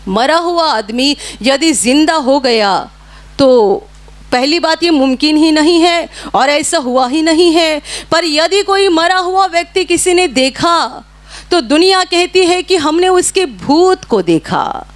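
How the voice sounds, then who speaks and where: A woman's voice: sits high, lively intonation, slow. A woman preacher giving a sermon, telling a story earnestly and repeating hallelujah.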